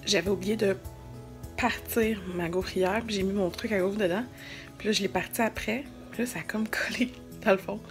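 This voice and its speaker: A woman's voice: medium pitch, moderate pace, over music. A woman in her thirties with a Quebec French accent, chatting casually and informally to her vlog viewers in a self-deprecating way. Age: 30s. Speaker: vlogger. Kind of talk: casual vlog chat to camera.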